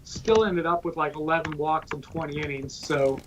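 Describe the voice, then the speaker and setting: A man giving a scouting analysis on a live panel, thinking aloud with fillers and trailing off quietly. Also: fairly high pitch, fairly even intonation, normal speed, a little hiss or hum, rough recording.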